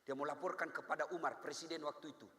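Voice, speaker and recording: A man's voice: a little high, quick pace. A man with a Makassar Indonesian accent preaching a humorous Islamic sermon, acting out voices of husbands and wives, recorded in an echoey hall. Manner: animated, jokey, acts out voices of husbands and wives. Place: large hall.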